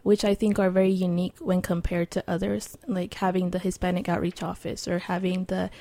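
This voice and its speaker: A woman's voice: fairly low pitch, little pitch movement, a little fast, gravelly, mellow. A young woman in her twenties, a student guest in an interview, speaking sincerely and thoughtfully.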